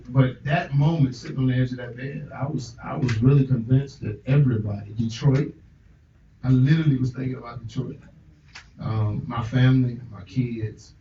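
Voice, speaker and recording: An earnest, reflective man tells his story candidly in an interview, often sinking into a quiet tone. He sits far from the mic in a roomy space. The recording is dull and lo-fi with a faint hiss. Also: medium pitch. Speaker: author and minister, interview guest.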